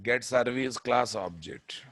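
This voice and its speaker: A man's voice: mid-range voice, slow, a bit bright, no echo. A man giving a live coding lecture as an instructor, repeating himself and prodding listeners with questions. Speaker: programming instructor.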